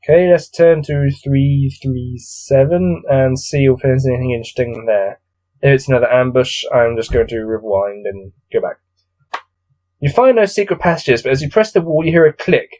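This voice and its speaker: Reading a gamebook solo while a cold sets in, this man adds tired, exasperated asides and grumbles as he goes. His mid-range voice moves at a moderate pace and sounds a bit mellow, though the recording is rough.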